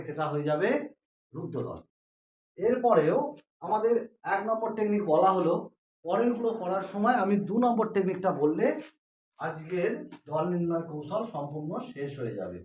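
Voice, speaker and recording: High-pitched male teacher, quizzing style, recorded from a distance. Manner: asks questions and answers them himself. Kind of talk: classroom grammar lesson. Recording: echoey room, mic far off.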